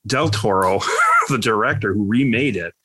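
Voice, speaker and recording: A man co-hosting a podcast, chatting casually and telling stories in a rambling, animated way. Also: fairly low pitch, normal speed, a little hiss or hum. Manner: rambling, animated storytelling with quoted voices. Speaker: podcast co-host. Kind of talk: casual chat.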